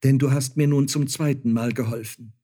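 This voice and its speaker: A man's voice: medium pitch, steady tone, normal speed, mellow, voice pushed up, lightly acted. A man voicing a poor, humble starchild boy in a storybook reading, with an earnest, pleading manner.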